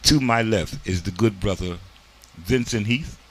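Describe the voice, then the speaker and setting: This community TV host has a husky, fairly low voice and a measured pace, delivering preachy, emphatic commentary in a casual studio interview and saying "this here." The audio quality is poor.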